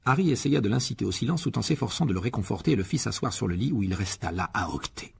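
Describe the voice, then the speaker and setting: A man reading an audiobook expressively, with a lively delivery that rises in pitch for dialogue. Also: fast talker, creaky, a little hiss or hum. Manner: lively, voices Harry with rising pitch in dialogue. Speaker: audiobook narrator.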